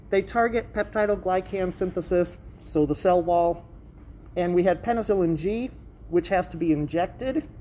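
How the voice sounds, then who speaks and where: A woman's voice: on the low side, dark tone. A woman lecturer explaining material to a class and checking understanding with questions, her voice muffled by a face mask. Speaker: college lecturer. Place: classroom in front of students. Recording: noisy live classroom recording.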